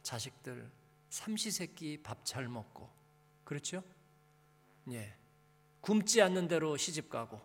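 A high-pitched male pastor preaches in a big hall where the reverb runs long. His style is conversational, with rhetorical questions for the congregation and short tag questions to prompt them.

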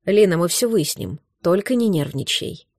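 A woman voicing a worried grown husband who speaks low and hushed, pleading with tense gentleness. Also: expressive, a little fast, dry recording, clean studio sound. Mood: strained calm.

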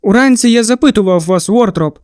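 Audiobook role: stern constable, read by a man, slow pointed questions, smooth clear tone. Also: high voice, lively intonation, darkish tone, dry recording, studio quality. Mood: incredulous. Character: stern, incredulous small-town constable, male.

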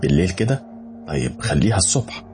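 A man voicing a loyal young friend in a spoken horror story, with an Egyptian Arabic accent. His deep voice sounds anxious and caring, and faint music plays beneath it. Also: very animated, quick pace. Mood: explaining.

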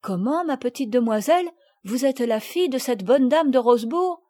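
A woman's voice: high voice, lively intonation, moderate pace, darkish tone, no echo, studio quality. A woman voicing a good-natured grown country butcher in a storybook reading, talking in a folksy, hearty way.

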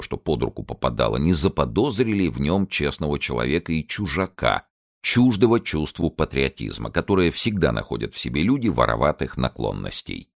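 A man's voice: extremely low pitch, creaky, dry recording, clean studio sound. A man narrating a satirical story in a wry, ironic reading style. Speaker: audiobook narrator. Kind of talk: scripted narration.

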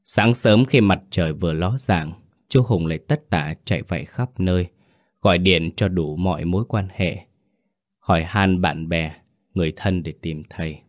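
A man reading a horror story aloud in a slow, dramatic storytelling manner. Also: sits low. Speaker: narrator. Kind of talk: scripted horror narration.

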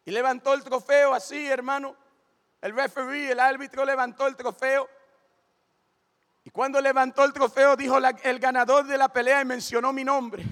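A man giving a lively testimony sermon, telling his story with animation and often calling the listeners brother. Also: very high voice, moderate pace. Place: church. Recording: long church reverb.

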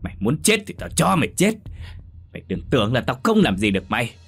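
A man voicing a drunken, violent middle-aged father who shouts curses and threats. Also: very high voice, sing-song, fast, pitched above the performer's own voice, heavily acted. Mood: furious.

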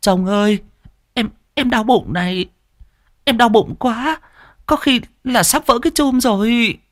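A man's voice: very high-pitched, measured pace, fairly bright tone, no room sound, studio quality, voice pushed up. A male storyteller voicing a nagging pregnant village wife in labor, whiny and scolding. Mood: pained.

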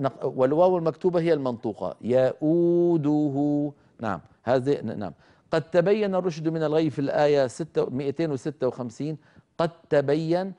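A middle-aged man teaching Quran recitation, explaining rules and slowly demonstrating each sound. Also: fairly high pitch, mellow. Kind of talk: televised tajweed lesson with live callers.

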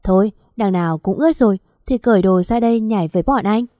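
Drunk, leering men coax and press in raised voices, as a woman reads them aloud. The voice stays mellow and dry, in a spoken storybook. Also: medium pitch, fast talker, dry recording, lightly acted. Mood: pushy. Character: drunk male partygoers, leering and pushy.

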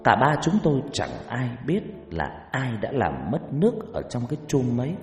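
Male storyteller, mid pitch, lively dramatic narration, echoey room, faint music bed. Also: moderate pace. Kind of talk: scripted first-person ghost story narration.

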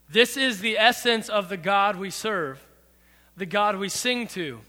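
A man's voice: high-pitched, slow, pushed and bright. A man giving a youth sermon to a group, with playful, jokey asides to the audience. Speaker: youth pastor. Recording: long hall reverb.

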